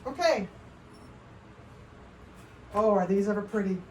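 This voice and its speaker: A woman with a Canadian accent, a potter hosting a livestream, gives a casual show-and-tell in a medium-pitched, darkish voice with lively intonation and a slow pace. She's chatty and rambling, often breaking off mid-sentence. The audio is poor, with noticeable background noise.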